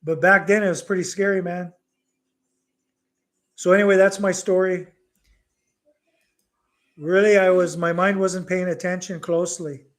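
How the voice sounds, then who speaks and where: A middle-aged man with a notably high voice hosts a relaxed livestream from home. He tells a story with lively energy and slips Bisaya words into his English. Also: a little slow, long pauses. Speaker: livestream host. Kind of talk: casual live Q&A chat and storytelling.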